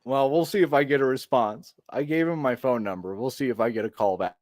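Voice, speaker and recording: A man's voice: medium pitch, brisk, darkish tone, dry recording. Laughing, foul-mouthed male host. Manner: laughs often, swears freely. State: cold and trying not to shiver. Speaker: podcast host making calls. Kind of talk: casual chat.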